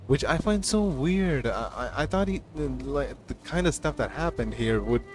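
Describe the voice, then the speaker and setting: A man's voice: a little high, expressive, normal speed. A man streaming and chatting casually about game lore, rambling with lots of fillers and stammered restarts. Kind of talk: casual livestream chat. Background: game music.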